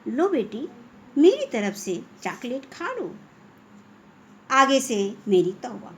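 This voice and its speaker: A woman's voice: fairly high pitch, sing-song, takes it slowly. A woman voicing an arrogant village shopkeeper in a children's story. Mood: pleading. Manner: haughty.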